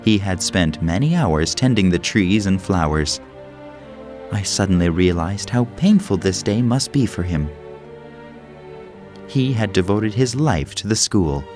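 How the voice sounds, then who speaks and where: Brief: male storybook narrator, lower voice, measured delivery, music under him. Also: expressive, darkish tone.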